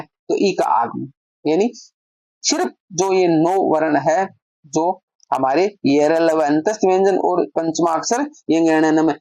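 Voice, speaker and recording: A woman's voice: sits low, warm tone, no echo. A woman teaching a grammar lesson, explaining step by step and answering her own questions.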